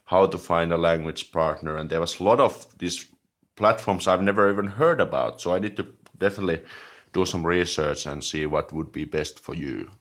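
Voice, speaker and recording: A Finnish man with a deep, low voice hosts a relaxed live stream on language learning, speaking at a moderate pace. He reads and answers viewer comments in a chatty, easygoing way, filling pauses between thoughts with "like."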